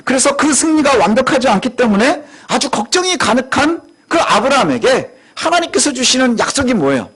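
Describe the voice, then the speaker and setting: A man's voice: very high voice, very animated, brisk, hardly any pauses, a bit bright, breathy edge. A male pastor preaching a sermon, telling the story with rhetorical questions.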